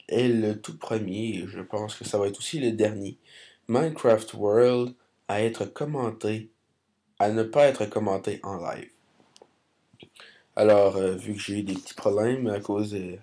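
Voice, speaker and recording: A man's voice: lowish voice, warm tone. A man with a Québécois accent giving rambling, hesitant commentary over recorded gameplay. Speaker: gaming commentator.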